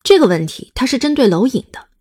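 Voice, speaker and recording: A woman's voice: a little high, big pitch swings, quick pace, warm tone. A woman reading scripted, dramatic story narration as an audiobook narrator.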